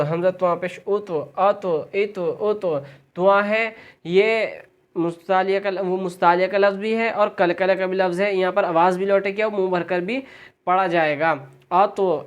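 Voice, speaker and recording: Quran reading teacher, patient, slow drilled syllables, plain explanations, mid-pitched voice. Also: fairly even intonation, dull audio. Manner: patient, repeats each sound slowly for the learner; explains letter rules plainly, then drills them aloud. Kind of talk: step-by-step recitation lesson.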